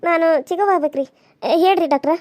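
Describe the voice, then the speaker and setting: A woman's voice: very high voice, fast, no echo, clean studio sound. A woman voicing a firm, caring village aunt. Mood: worried. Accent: North Karnataka Kannada. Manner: steady, earnest, lecturing. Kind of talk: cartoon voice acting.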